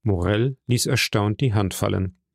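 A man reading a classic novel aloud in steady, measured narration. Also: fairly low pitch, gravelly, no room sound, studio quality. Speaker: audiobook reader. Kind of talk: scripted narration.

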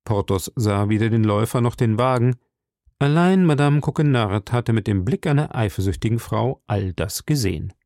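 Gravelly audiobook narrator. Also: medium pitch, animated, a little mellow, no room sound, clean studio sound. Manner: measured storytelling. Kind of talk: scripted narration.

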